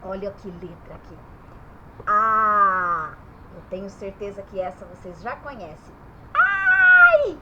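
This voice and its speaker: A woman's voice: medium pitch, brisk, hardly any pauses, muffled recording, background noise. A woman teaching young children about letters and vowel sounds in her bedroom, stretching the vowels as she speaks.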